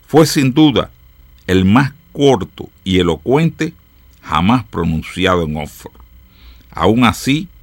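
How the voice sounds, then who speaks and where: A man hosting a radio program, reading reflective stories in a slow, measured way with dramatic pauses and falling line endings. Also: lowish voice, vocal fry, no room sound. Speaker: radio host.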